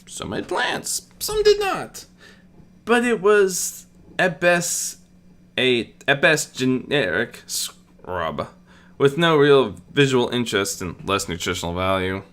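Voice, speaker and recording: An audiobook narrator reads scripted fantasy prose expressively, letting the pitch climb and fall widely and placing pauses for dramatic effect.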